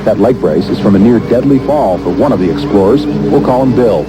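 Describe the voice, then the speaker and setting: A man reporting for TV news in measured, dramatic scripted narration. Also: lowish voice, animated, over music, poor audio.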